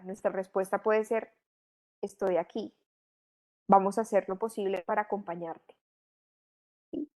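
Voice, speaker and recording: This middle-aged woman has a slightly high, somewhat mellow voice. She teaches an online training course in a didactic manner, posing lots of rhetorical questions.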